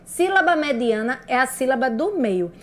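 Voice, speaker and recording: A woman's voice: sits high, lively intonation, normal speed. A woman teacher giving a children's lesson on syllables, sounding each one out and checking in with a rising "right?". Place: broadcast lesson for radio and video.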